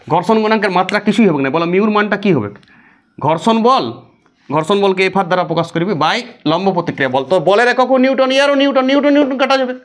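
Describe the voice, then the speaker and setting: A man teaching a physics lesson, asking the class questions and answering them himself. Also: sits high. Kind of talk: classroom lecture.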